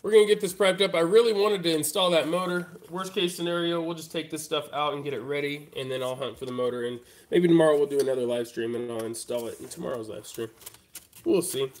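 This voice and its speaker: A man talks fast, his slightly high voice stuffy and congested from a head cold. He's at his hobby workbench, working while chatting casually and directly with live-stream viewers in a laid-back way.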